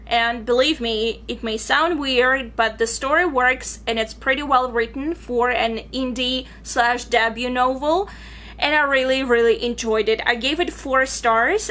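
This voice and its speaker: Bright high-voiced young woman reviewing books. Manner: chatty and enthusiastic. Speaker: book reviewer. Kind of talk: casual book review vlog.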